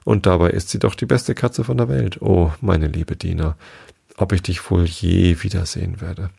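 A man's voice: deep voice, normal speed, vocal fry, dark tone, slightly rough, exaggerated voice. A man reading the lines of a curious, polite little girl aloud from a storybook. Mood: sad.

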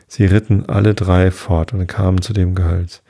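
A man hosting a podcast, reading a fairy tale in a calm, unhurried way. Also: sits low, vocal fry, no room sound, clean studio sound. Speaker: podcast host and storyteller.

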